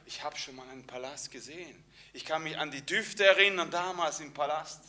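A man preacher voicing a humble crippled man who speaks quietly and hesitantly, unsure of himself. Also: fairly high pitch, steady tone, fairly quick. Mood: wistful.

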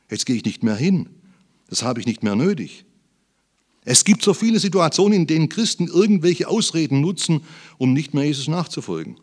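Lively German-speaking male preacher. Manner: emphatic preaching, voice swinging between loud appeals and low murmurs. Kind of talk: sermon.

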